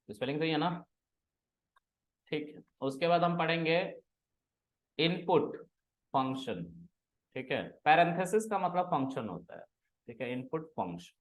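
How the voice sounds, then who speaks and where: A man teaching a programming class, casually quizzing and teasing his students in a classroom. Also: on the high side. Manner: teasing, asks students questions and scolds them.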